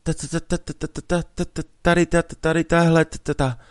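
A man's voice: on the high side, little pitch movement, dry recording, studio quality, pitched above the performer's own voice, natural voice. A man reading a story aloud, voicing a timid young villager who stutters badly out of fear. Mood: scared stammering. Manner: heavy stutter, frightened.

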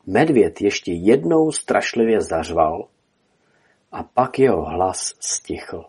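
Husky, dark-voiced male storyteller. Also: low voice, big pitch swings. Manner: dramatic storytelling. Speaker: narrator. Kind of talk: storybook reading.

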